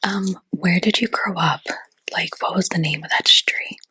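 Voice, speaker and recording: A woman's voice: lowish voice, steady tone, measured pace, pushed and bright, husky. A woman whispering in a chatty ASMR roleplay as a fortune teller, with lots of casual fillers.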